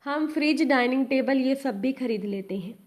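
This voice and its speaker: A woman voicing a young wife who is demanding and quick to sulk, speaking in a complaining, insistent way. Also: high-pitched, a little mellow, natural voice.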